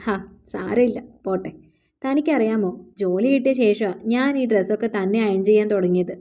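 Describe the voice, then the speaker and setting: A woman voicing a gentle young husband who speaks in a soothing, reassuring way. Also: mid-range voice, normal speed, natural voice.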